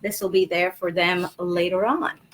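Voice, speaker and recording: A woman's voice: on the low side, level tone, moderate pace, background noise. A woman from Sri Lanka, a mother in her thirties, patiently quizzing her young children in a casual home livestream lesson. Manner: patient, asks kids questions. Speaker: parent hosting a livestream lesson. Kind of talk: casual teaching chat with children. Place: small city apartment.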